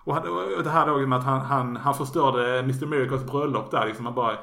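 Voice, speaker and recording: A man's voice: medium pitch, steady tone, sharp tone. A man in casual podcast chat, his sentences full of fillers, stops and restarts as he feels his way forward. His voice sits in a middling range and carries a roomy echo from the space around him. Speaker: podcast host. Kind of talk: casual podcast talk about comics.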